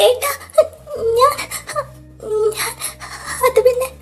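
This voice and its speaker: A woman playing a tearful young college woman, a loyal younger sister, who speaks softly and hesitantly in a fan audio drama. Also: very high voice, level tone, drawn-out words, soft background music, full character voice. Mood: tearful hesitation.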